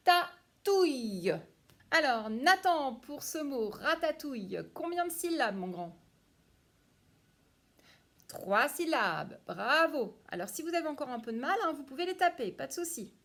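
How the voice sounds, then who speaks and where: A woman's voice: sits high, very animated, normal speed, a bit bright. A woman, a primary school teacher, giving a phonics lesson to young children and praising each one by name.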